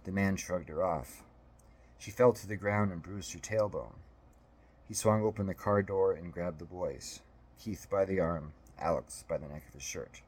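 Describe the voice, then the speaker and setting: A man narrating an audiobook in a steady, measured storytelling manner. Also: low voice, husky.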